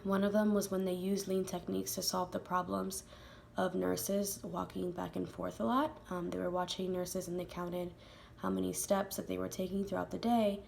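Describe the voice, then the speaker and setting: A young woman presents to her class, her voice stuffy from a cold and heavily gravelly with fry. She sits slightly low in pitch and reads steadily, pausing on an occasional um. Faint noise hums under the recording. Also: level tone, a little mellow. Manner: reads steadily with some "um" fillers. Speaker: student presenter.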